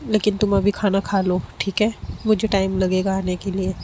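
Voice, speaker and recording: A woman's voice: mid-range voice, little pitch movement, moderate pace, dark tone, a little hiss or hum, close to an everyday voice. A woman voicing Kavya, an anxious, caring young woman, in a worried, pleading manner.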